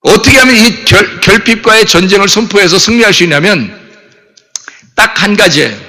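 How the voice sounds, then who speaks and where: A male pastor preaching a Sunday sermon in a church, animated and acting out the inner voices of his listeners. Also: high-pitched, a little fast. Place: church sanctuary. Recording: long church hall reverb.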